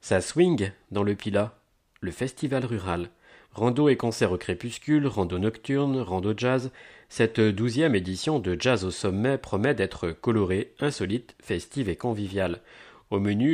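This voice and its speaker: Low-voiced male announcer. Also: a little mellow. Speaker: announcer of a local events agenda. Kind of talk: scripted promotional narration.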